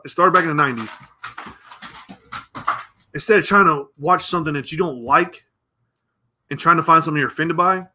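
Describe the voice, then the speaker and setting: Profane, bright-voiced ranting man. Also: fairly high pitch, a little hiss or hum. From United States. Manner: profane, blunt, rambling. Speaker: podcast host. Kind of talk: opinionated rant.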